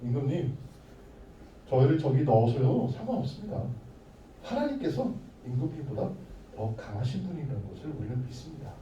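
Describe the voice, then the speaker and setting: A man voicing three young men who answer the king calmly and firmly, heard from far off in an echoey room. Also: high-pitched, highs cut off, a little hiss or hum. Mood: resolute. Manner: calm, firm, measured. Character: three young men, calm and resolute believers.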